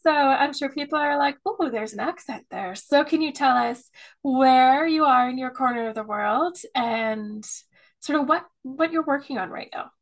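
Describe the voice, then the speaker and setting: A woman's voice: sits high, moderate pace. A woman hosting a podcast interview, talking in an upbeat, earnest way. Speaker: podcast host.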